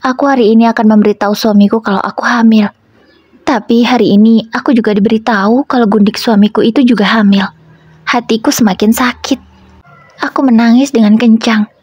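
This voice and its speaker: A woman's voice: a little high, fairly even intonation, a little fast, darkish tone, husky, no room sound, dull audio. A woman narrating an emotional first-person story about her marriage, with an indignant tone.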